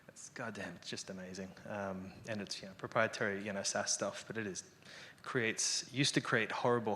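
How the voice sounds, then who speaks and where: A man's voice: medium pitch, a bit bright. A man giving a casual, irreverent lightning talk to an audience, rambling and conversational, with salty language and wry asides. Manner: rambling and conversational, peppered with "you know". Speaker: lightning talk speaker, developer and illustrator.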